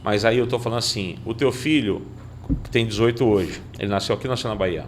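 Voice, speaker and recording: A man's voice: fairly low pitch, quick pace, a little hiss or hum. A man in a casual podcast conversation, giving earnest, reflective commentary.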